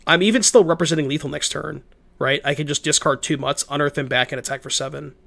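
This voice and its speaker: Stuffed up and a bit worn out vocally, a young streamer gives casual commentary on a card game while talking to his chat. His voice is a little high, bright and gravelly, and he talks fast, thinking out loud, reading messages and restarting a lot.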